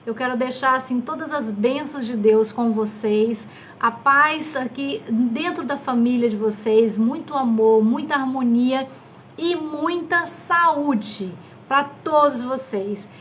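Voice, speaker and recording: A woman's voice: high-pitched, fairly bright tone, slight background noise. A woman in her fifties, a doctor answering questions on a live stream, affectionate and often checking in with her listeners.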